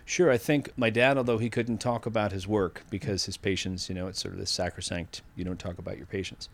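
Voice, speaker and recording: Podcast guest, man in his fifties from Massachusetts, lowish voice, candid and reflective, restarts sentences mid-thought. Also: steady tone, brisk, creaky. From Massachusetts, USA. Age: 50s. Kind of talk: casual interview conversation.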